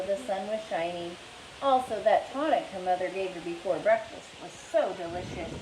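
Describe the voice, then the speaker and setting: A woman reading a children's book aloud in an expressive storytelling manner. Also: mid-range voice, echoey room, slight background noise, rough recording. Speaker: reader.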